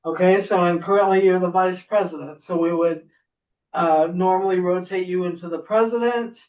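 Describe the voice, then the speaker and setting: Woman chairing a public board meeting, halting with fillers, heard from across the room on a dull mic. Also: on the low side, steady tone. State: throat lozenge in mouth. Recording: muffled distant room mic.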